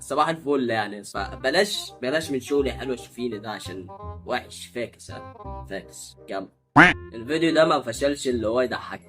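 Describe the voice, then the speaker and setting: A young Egyptian man with an Egyptian Arabic accent, hosting his channel with animated, mocking comic reactions. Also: medium pitch, fast talker, soft background music. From Upper Egypt. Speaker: channel host.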